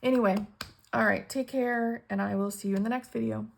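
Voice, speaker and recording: An older woman hosting her budgeting vlog, talking in a casual, halting way with many pauses and ums, close to tears. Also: fairly high pitch, steady tone, vocal fry, a little hiss or hum. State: tearful, on the edge of crying. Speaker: budgeting channel host. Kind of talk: casual personal vlog talk.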